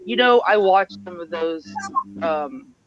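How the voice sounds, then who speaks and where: A woman chatting casually on a livestream, musing in an easygoing, drawn-out way. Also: lowish voice, animated, over music. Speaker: livestream co-host. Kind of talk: casual chat. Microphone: headphones with mic. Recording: dull scratchy headset mic.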